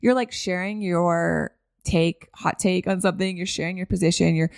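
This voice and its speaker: Low, gravelly-voiced woman podcast host. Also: steady tone, normal speed, no echo, studio quality. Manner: conversational, tags many points with "right?"; frequent "like" fillers. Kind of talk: casual solo podcast talk.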